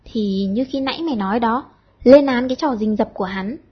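A cheeky teenage schoolgirl, as a woman reader puts her on, loud, quick-tongued and full of teasing. Her voice sits high and a little husky. The storybook reading comes through a dull, lo-fi recording.

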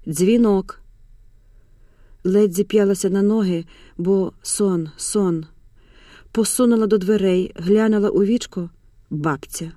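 A woman narrating an audiobook in a hushed, measured storytelling voice, recorded on a close studio mic. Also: medium pitch, no room sound.

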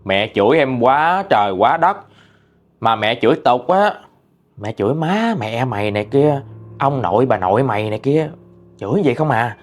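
A man's voice: medium pitch, lively intonation, moderate pace. A man reading a listener's ghost story aloud in a chatty, conversational way.

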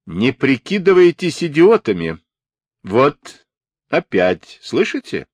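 A man's voice: medium pitch, big pitch swings, a little slow, dry recording. A man voicing an irate, stern middle-aged stepfather in an audiobook, barking and clipping each word. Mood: suspicious.

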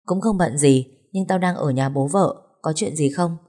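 A woman reading the lines of a caring young husband who worries about his friend, in a low, mellow voice. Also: normal speed. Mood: concerned.

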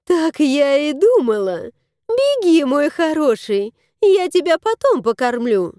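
A woman's voice: sits high, very animated, slow pace, mellow, no echo, clean studio sound, pitched above the performer's own voice, exaggerated voice. A woman voicing a plump, fussy middle-aged lady who coos in baby talk at a cat. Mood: cooing. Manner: cooing baby talk, whiny.

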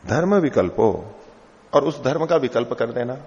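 A man's voice: mid-range voice, big pitch swings, a little slow, darkish tone. A middle-aged man teaching a classical text, explaining each term patiently and going over it again. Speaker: teacher of philosophy. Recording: lo-fi hall recording with long reverb.

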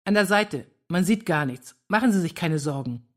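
Woman reader doing a mischievous young lady in a read-aloud story, cheeky and lively. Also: lowish voice, moderate pace.

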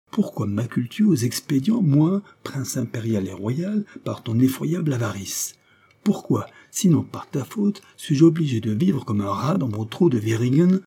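A man performs a resentful royal son in a storybook reading, voice lifted high above the narration and full of defiance. Husky and dark, he shouts his grievances. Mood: bitter. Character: bitter rebellious adult prince, the emperor's son.

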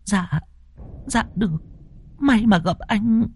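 A man doing a soft, pleading young woman. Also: takes it slowly, husky, big-room sound, heavily acted. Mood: sweet. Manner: high, soft falsetto plea.

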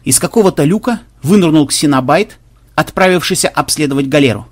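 A man narrating a comic science fiction audiobook in a lively storytelling manner. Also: a little high, a little fast. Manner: lively storytelling, acting out every character.

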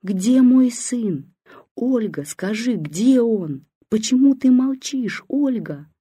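A reader voicing an old grandmother who has gone deaf and calls out for her son with slow, drawn-out words. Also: mid-range voice, gravelly, breathy edge, no echo, studio quality. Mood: desperate shouting. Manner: shouting, slow, dragged-out words. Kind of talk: audiobook character voice.

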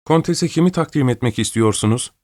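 A man's voice: medium pitch, expressive, brisk, darkish tone, dry recording, studio quality, pitched above the performer's own voice, lightly acted. A man reading an audiobook, voicing a timid young woman who asks short, meek questions.

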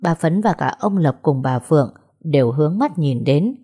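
A woman narrating a family drama story in a steady, dramatic storytelling manner. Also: sits low, moderate pace, breathy edge.

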